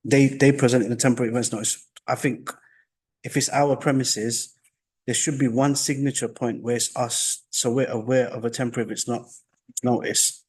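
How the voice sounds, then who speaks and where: A soft-spoken, hesitant man making his case as an applicant before a council licensing committee. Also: mid-range voice, steady tone, normal speed, slightly rough. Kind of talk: formal hearing testimony. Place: council meeting room. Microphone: meeting room microphone.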